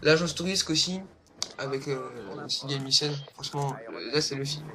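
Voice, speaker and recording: The vlogger is a young man with a voice on the high side, keeping his intonation fairly even at a normal pace. As he runs through a casual countdown, he hesitates often, leans on fillers, and drifts into rambling asides. A low-quality home recording captures it.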